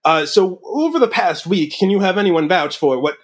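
Man doing a clumsy detective, stammering, lively swooping higher voice. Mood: deadpan. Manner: halting, stumbling over questions. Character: bumbling male detective with a self-declared accent. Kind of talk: improv comedy scene.

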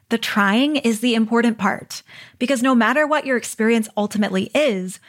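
A woman hosting a solo podcast, reading a script in an upbeat, encouraging, conversational way. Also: mid-range voice. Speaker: podcast host.

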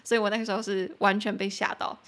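A young woman hosting a podcast lesson, explaining English phrases in chatty Mandarin and spelling words out slowly. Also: mid-range voice, little pitch movement, a bit bright. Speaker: English teacher and podcast host. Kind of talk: bilingual language lesson.

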